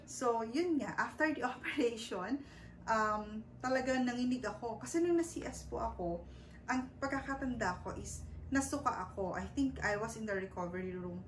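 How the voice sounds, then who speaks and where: A woman in her thirties talks through a personal experience in a relaxed vlog, polite and full of small hesitations. Her voice sits a little back from the mic in a roomy space. Faint background noise stays under her. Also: on the high side, moderate pace, distant mic. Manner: polite, with frequent "po", hesitant fillers and English mixed in. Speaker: vlogger. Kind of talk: casual personal storytelling.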